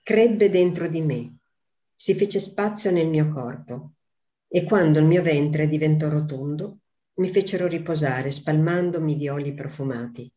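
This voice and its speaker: A woman reading aloud as a young mother grieving her lost newborn, in a slow, measured literary reading. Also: sits low, mellow. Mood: sorrowful.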